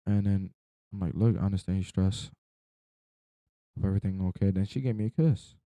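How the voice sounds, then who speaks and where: Sounding drowsy and short on sleep, this young man rambles fairly quickly through a personal story, dropping slang and casual swear words. His voice is deep, very dark and relaxed. The audio is close and dry, with almost no room and no echo.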